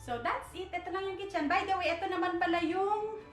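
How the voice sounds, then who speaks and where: A woman's voice: very high-pitched, fairly quick, recorded from a distance. A young woman vlogger casually touring her apartment at night, rambling and searching for words as she mixes in English. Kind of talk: casual home tour vlog. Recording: echoey room, voice from off-mic, faint music.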